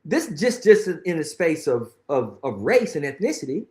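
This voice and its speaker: A middle-aged man on an interview show is very animated as he tells reflective stories, earnest and emphatic, often repeating phrases for weight. His slightly high, darkish voice goes at a moderate pace in an echoey room.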